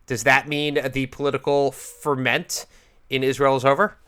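A male radio-style political host with a bright, forward voice at a medium pitch. He interviews in a conversational broadcast manner, wordy and emphatic, often repeating phrases for effect. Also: flat delivery, moderate pace, clear, resonant tone. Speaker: host of a political talk show.

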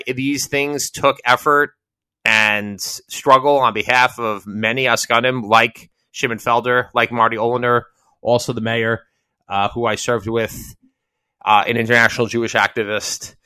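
An American man in middle age delivers an informal solo commentary in a bright, forward voice. He wanders reflectively from point to point, leaning on repeated phrases for emphasis. The sound is dry, with hardly any room to it. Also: mid-range voice, a little slow, clean tone, no echo. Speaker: host.

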